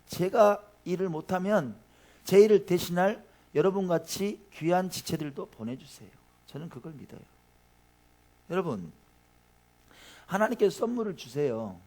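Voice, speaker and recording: A man's voice: sits high, normal speed, pauses often. Male pastor, Sunday sermon in a church, informal and chatty, speaks straight to the congregation. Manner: chatty, addresses the congregation directly with questions; tells personal anecdotes in a lively, informal way. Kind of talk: conversational sermon. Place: church sanctuary.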